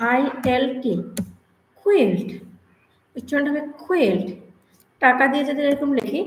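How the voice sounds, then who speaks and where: A woman giving a spoken language lesson, repeating each word slowly for drilling as she writes it out. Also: sits high, echoey room, a little hiss or hum, rough recording. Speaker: English teacher.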